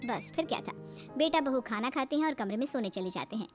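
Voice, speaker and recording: A woman's voice: sits high, animated, fast, faint music behind. A woman narrating a cartoon story in a dramatic, storytelling manner.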